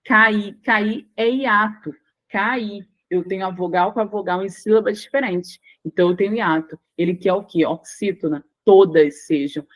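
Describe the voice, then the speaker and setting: A woman's voice: fairly low pitch, fairly even intonation, brisk, hardly any pauses, mellow, rough recording. A young Brazilian woman teaching a Portuguese grammar lesson for exam prep. She works through each word step by step, leans on stressed syllables and keeps checking in with her students.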